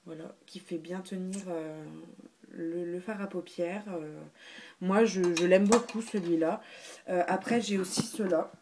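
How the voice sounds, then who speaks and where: Woman, casual haul chat, lowish voice, hesitant with fillers, faint background noise. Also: steady tone, measured pace, darkish tone. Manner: chatty, hesitant, lots of fillers and restarts. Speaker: beauty vlogger.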